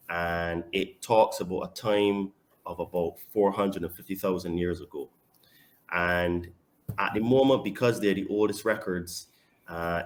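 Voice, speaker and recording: A man from Barbados with a Barbadian accent, a guest on a casual podcast, speaking confidently and emphatically with sudden bursts of loudness. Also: deep voice. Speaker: podcast guest and online fitness coach.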